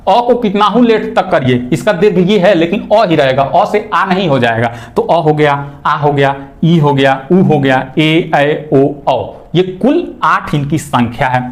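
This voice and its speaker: Male grammar tutor, exam-prep lecture, slightly high voice, unhurried, repeats terms and stretches vowels as examples. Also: a little mellow. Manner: repeats key words and asks questions he answers himself; stretches vowel sounds long to demonstrate. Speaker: teacher.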